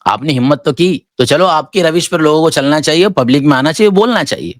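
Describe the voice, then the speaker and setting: A man's voice: on the high side, animated, no room sound. Dry, sarcastic cleric man. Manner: sarcastic, mocking preachy tone. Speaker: Islamic cleric and online commentator. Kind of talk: reaction commentary.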